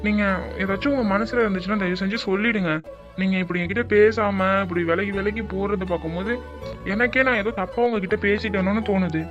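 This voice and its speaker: A man's voice: high voice, steady tone, brisk, lightly acted. A man voicing a polite young man in a cartoon who pleads earnestly to make peace with a friend. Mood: pleading, polite. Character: young man Karthik, polite, remorseful co-worker. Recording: dull lo-fi audio with music bed.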